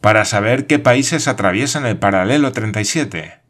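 A man playing a brisk commanding nobleman. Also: fairly low pitch, lively intonation, fairly bright tone. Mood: urging. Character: commanding male nobleman leading an expedition.

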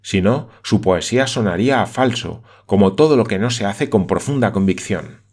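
A man voicing a calm, politely ironic young painter in an audiobook. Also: lowish voice, normal speed. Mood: dry.

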